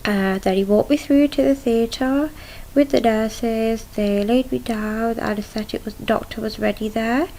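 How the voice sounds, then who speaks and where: Young woman, creaky voice, subdued and halting. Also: fairly high pitch, steady tone, dark tone, a little hiss or hum, rough recording. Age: young adult. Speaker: patient recording a video diary. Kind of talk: casual video diary recounting events. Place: small room at home, indoors.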